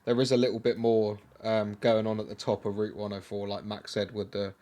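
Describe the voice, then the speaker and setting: A man co-hosting a podcast, relaxed and casual, moving the talk on to the next part. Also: lowish voice, brisk. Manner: laid-back, steers the talk to the next part. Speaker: podcast co-host. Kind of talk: casual chat.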